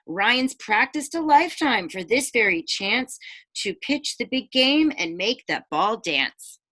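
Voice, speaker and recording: Speaking a little high and a little slowly, a female teacher reads an illustrated book to children with lots of expression. She breaks in with chatty explanations and questions for them.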